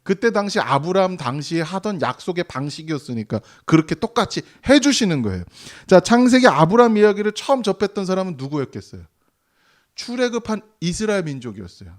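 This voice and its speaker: A man's voice: sits high, big pitch swings, brisk. A male pastor preaching a Sunday sermon in a conversational way, asking the congregation rhetorical questions and acting out quoted voices. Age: 40s or older. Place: church sanctuary.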